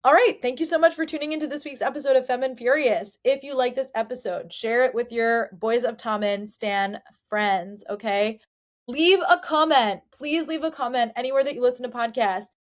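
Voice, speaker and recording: A woman hosting a casual book-discussion podcast, chatty and animated, with fillers. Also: on the high side, normal speed. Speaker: podcast host.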